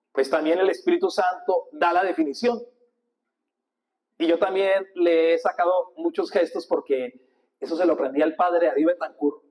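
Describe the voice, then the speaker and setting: A male priest giving a lively sermon with a handheld mic, coaching the congregation to repeat verses and gestures. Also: on the high side, rough recording. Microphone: handheld microphone.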